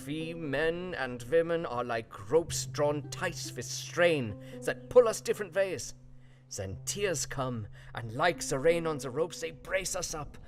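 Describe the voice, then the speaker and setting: An older foreign professor in a gothic audio drama, full of grief and bitter philosophy. His voice sits a little high, and he speaks theatrically in broken English over clear background music. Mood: earnest, musing. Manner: broken non-native English syntax, dramatic sighing delivery. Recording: music behind the voice.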